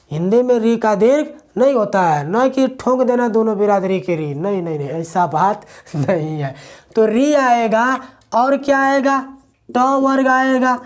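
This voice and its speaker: A male teacher, giving a classroom grammar lecture to students. He asks questions and answers them himself, repeating the key words. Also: extremely high pitch.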